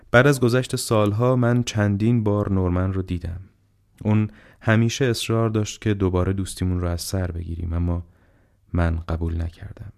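A man narrating an audiobook in a measured, calm and unhurried way. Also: deep voice, creaky.

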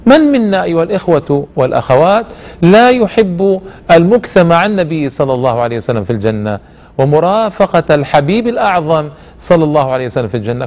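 Higher-voiced man giving a formal religious lesson. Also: a little mellow. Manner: emphatic, formal classical delivery with exclamations of praise. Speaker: religious lecturer, series host. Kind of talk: religious lesson with recitation and storytelling.

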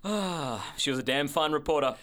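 A man's voice: on the high side, animated, moderate pace, fairly bright tone. A man playing a smug, pompous doctor who co-hosts a parody radio variety show in a polished presenter manner. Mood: smug, upbeat.

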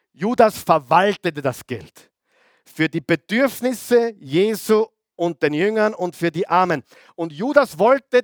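A man preaching a sermon, animated, acting out voices of biblical figures. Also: a little high, no room sound, clean studio sound.

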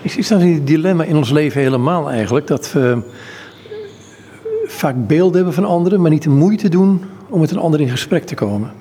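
A man's voice: a little high, animated, fairly quick, dark tone, a little hiss or hum. A man interviewing a friar, asking long, probing questions. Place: indoor exhibition centre. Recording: echoey hall, faint ambience.

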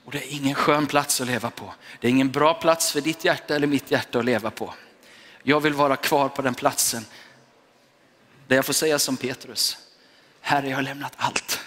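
Swedish-speaking pastor preaching in a reverberant hall. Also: male voice, medium pitch, fairly even intonation, fairly bright tone. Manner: personal, storytelling preaching with English asides. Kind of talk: sermon. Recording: long reverb of a church hall.

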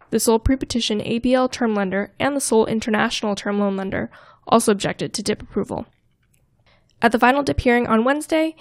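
A woman co-hosting a podcast, reading scripted financial news in a crisp, clear way. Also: on the high side, no echo, clean studio sound. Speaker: co-host and news reader.

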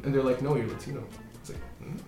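A man's voice: medium pitch, fast talker. A young man from Brazil hosting a casual roundtable discussion, talking loosely with many restarts. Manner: relaxed, rambling with many restarts. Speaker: podcast host. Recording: roomy echo, faint music.

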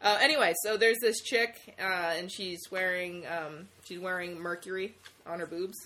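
A woman's voice: lowish voice, steady tone, normal speed, bright, forceful tone, slight background noise. Giggly woman on a comics podcast, joking around, playful and loose. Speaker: podcast co-host. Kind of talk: casual comic book review chat.

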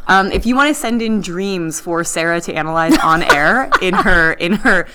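A woman hosting a podcast in casual chat, chatty and animated, laughing easily. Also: lowish voice, normal speed, heavy background noise. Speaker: podcast host.

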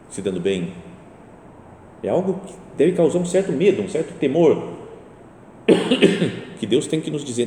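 A man giving a conversational sermon, often checking in with "né?" and lifting his voice for emphasis. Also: mellow. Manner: conversational, rises in pitch and volume for emphasis, often asks "né?". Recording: echoey hall with faint rumble.

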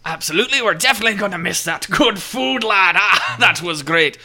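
A booming, blustering pirate captain, as a man puts him on for a tabletop game, loud and high-pitched with a bright, ringing edge. He talks with hearty sea-dog bluster. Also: lively intonation, a little fast, full character voice. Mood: jovial. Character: loud gruff male pirate ship captain.

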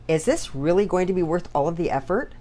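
A woman's voice: on the low side, animated, brisk, mellow, lightly acted. A woman voicing a doubtful father in a storybook reading, speaking plainly and matter-of-factly. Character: doubtful father, a grown man.

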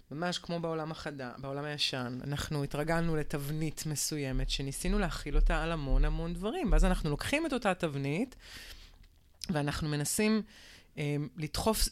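A low-voiced woman co-hosts a podcast in casual conversation. She reflects aloud and frequently pauses while searching for the right words.

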